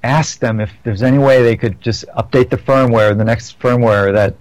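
A man's voice: mid-range voice, fairly even intonation, normal speed, a little mellow, dry recording, poor audio. A man chatting casually on a podcast, rambling through stories with many restarts and self-corrections. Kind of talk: casual chat.

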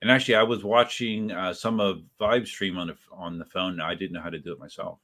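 A deep, bright, forceful voice with fairly even intonation comes from a man hosting a livestream, talking fairly quickly after a few drinks. He chats casually, rambles, corrects himself, and reads viewers' messages aloud, naming them as he goes.

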